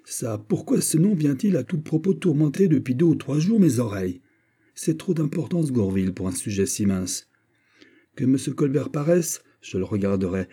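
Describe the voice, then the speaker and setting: Haughty minister read by a man; husky, raised voice, indignant declamation. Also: mid-range voice, lively intonation, moderate pace, warm tone, pitched above the performer's own voice. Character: proud haughty male finance minister, imperious. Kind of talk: audiobook character reading.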